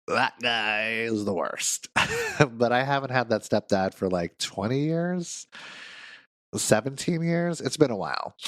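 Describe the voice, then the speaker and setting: A male counselor hosts a solo podcast while sick, his medium-pitched voice congested and nasal. He chats in a playful, self-mocking way, and there's no echo.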